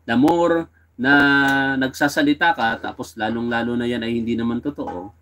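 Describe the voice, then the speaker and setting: A man talks through a clip as a commentator, conversational and chiding. His pitch sits in the middle of the range, and he keeps tossing out rhetorical questions. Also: fairly even intonation, moderate pace, fairly bright tone. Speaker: political commentator.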